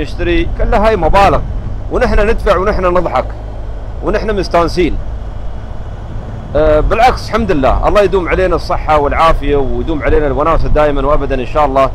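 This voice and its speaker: Fast-talking Emirati man over traffic noise. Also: fairly high pitch, rough recording. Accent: Emirati Gulf Arabic. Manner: earnest, repeats phrases for emphasis. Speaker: motovlogger. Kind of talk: casual religious reflection while riding. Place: outdoors on a motorbike in traffic. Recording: steady vehicle and traffic noise.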